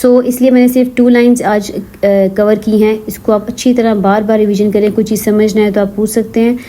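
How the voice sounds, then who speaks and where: Mellow-voiced woman teaching slow Quran reading. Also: mid-range voice, little pitch movement. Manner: spells letters slowly, then blends syllables in drawn-out recitation; says "theek hai" often, explains in quick casual asides. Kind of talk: slow spelled-out recitation lesson.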